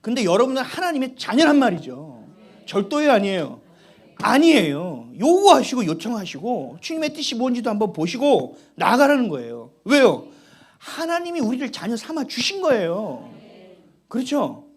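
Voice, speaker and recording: A man's voice: extremely high pitch, normal speed, husky. A middle-aged man preaching a sermon as pastor, telling family stories with acted-out dialogue. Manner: animated storytelling, acting out family dialogue.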